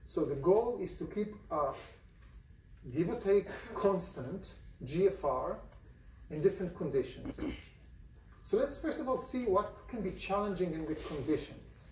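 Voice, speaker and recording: A man with an Israeli accent lectures a large university class in a conversational way, often asking the students questions. His voice is high and animated, with a measured pace and a little hiss or hum. It was captured on a phone from the audience seats, so the sound is distant and roomy, typical of a lecture hall.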